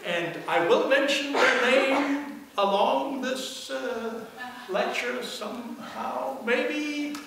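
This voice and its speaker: A man's voice: very high-pitched, takes it slowly, gravelly, noisy background. A middle-aged man lecturing live in a rambling professorial way, with hesitations and asides. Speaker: university lecturer. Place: large lecture theatre. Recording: very echoey lecture hall, distant.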